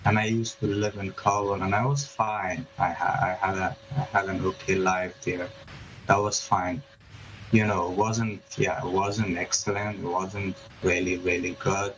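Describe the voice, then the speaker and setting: Over a muffled, noisy remote connection, this male journalist from Afghanistan answers questions as an interview guest. His voice is low, flat and slightly bright, his pace unhurried, and his speech full of fillers, hesitations and restarts.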